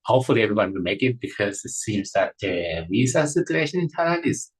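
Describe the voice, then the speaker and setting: A man who is a monk, giving a live online meditation talk with many pauses, fillers and restarts. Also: on the low side, big pitch swings, breathy edge, rough recording.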